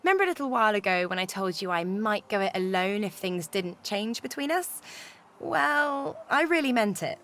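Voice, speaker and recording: A woman's voice: mid-range voice, very animated, moderate pace, fairly bright tone. A woman playing a breezy, informal young adventurer in a video game, casual and frank. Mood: fed up.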